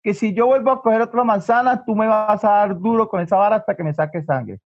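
A man's voice: fast, no room sound. A male preacher voicing a young boy who begs and cries to his mother not to punish him, in a dull lo-fi recording. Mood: meek. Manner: begging, tearful, higher voice. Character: pleading, crying young boy caught stealing.

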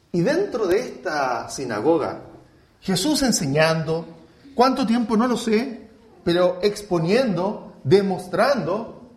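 A male pastor preaches in a slow, dramatic way, piling up rhetorical questions. His voice is high and swings widely in pitch. The sound carries the echo of a large church room. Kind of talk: sermon. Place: church hall.

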